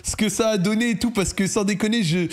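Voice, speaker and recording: Speaking fast in a Parisian French accent, this young streamer recaps football for his viewers in a relaxed storytelling monologue. His pitch is high, his delivery is full of slang and energy, and he keeps breaking into laughter mid-story.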